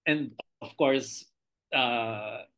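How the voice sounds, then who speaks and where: A middle-aged television director with a Filipino accent talks through behind-the-scenes memories in a relaxed interview. The delivery is animated and expressive, voice rising and falling with each story. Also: mid-range voice, extremely slow.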